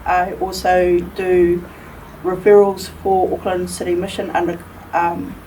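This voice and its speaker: Measured New Zealand woman introducing herself. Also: on the low side, level tone, warm tone. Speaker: panelist. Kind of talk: formal introduction then panel talk. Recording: distant mic with faint room noise.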